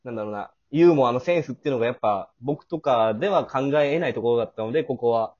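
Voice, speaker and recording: The audio drama's host and producer races through a casual, chatty backstage conversation, explaining things along the way. His voice is medium-pitched and a little mellow, carried by a slightly muffled, lo-fi voice call.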